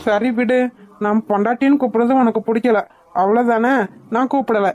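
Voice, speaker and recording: Woman voicing a persistent young cartoon man, teasing, puzzled, fairly high voice, dry sound. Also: steady tone, fairly quick, a little mellow, no room sound, muffled recording, lightly acted. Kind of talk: cartoon voice acting.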